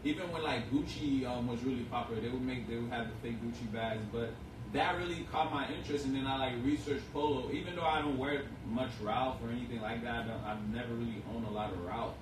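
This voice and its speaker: A man's voice: medium pitch, fast talker. A young man from Haiti, a shop owner being interviewed, talking in an earnest, rambling way full of fillers. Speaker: guest, clothing shop owner. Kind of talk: casual interview chat. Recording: echoey room, distant mic, noisy.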